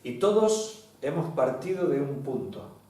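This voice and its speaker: Echoey Spanish pastor teaching. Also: male voice, fairly high pitch, big pitch swings, unhurried, dark tone. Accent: Spain. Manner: teaching, asks the congregation questions. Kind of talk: Bible study sermon. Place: church hall. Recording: very echoey hall, distant mic.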